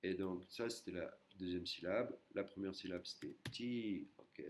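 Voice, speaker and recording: A man's voice: sits low, steady tone, normal speed, slight background noise. A man teaching an online language lesson, patiently repeating and breaking words into syllables.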